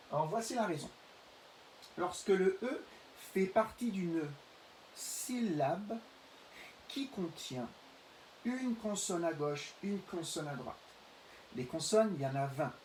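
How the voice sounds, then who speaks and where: A middle-aged male teacher giving a reading lesson to young pupils, speaking slowly and carefully and stretching out the example words. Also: high-pitched, animated, a little mellow. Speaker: primary school teacher. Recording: roomy, distant mic, faint hiss.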